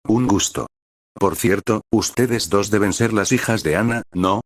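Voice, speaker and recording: A man's voice: fairly low pitch, unhurried, no room sound, clean studio sound, close to an everyday voice. A man voicing a spirited ninja mother in a fan-fiction reading, in a plain read-aloud way. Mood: fond.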